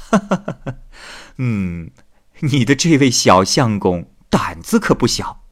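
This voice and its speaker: A man voicing a merry young fairy wife who teases with laughter and high exclamations. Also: big pitch swings, slow. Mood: teasing.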